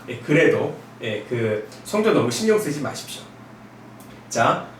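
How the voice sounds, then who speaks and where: A male professor of middle age teaches in a chatty, easygoing way and stretches sample syllables into clear rising and falling glides. His voice sits high and moves a lot. It reaches the mic from across a very echoey lecture room, with faint noise behind. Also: distant mic. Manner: demonstrates sounds with sung pitch glides; relaxed, chatty with asides. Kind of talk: recorded lecture.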